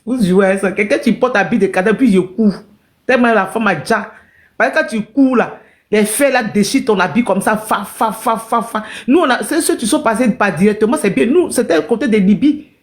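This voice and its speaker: A woman's voice: medium pitch, a little fast. Woman, live-stream storyteller, emotional and repetitive, talks straight to viewers.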